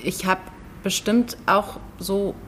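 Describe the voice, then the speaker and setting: A woman in her thirties co-hosting a literary podcast, talking in a lively, playful way. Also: mid-range voice, takes it slowly. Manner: lively, playful, warm-hearted. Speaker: podcast co-host. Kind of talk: casual literary chat. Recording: faint background hiss.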